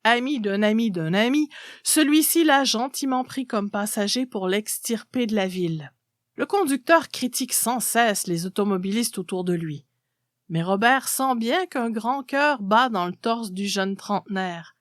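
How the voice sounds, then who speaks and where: A woman's voice: on the high side, a little slow, no room sound. Woman reading a story, dry close sound. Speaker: story narrator. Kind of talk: expressive literary story reading.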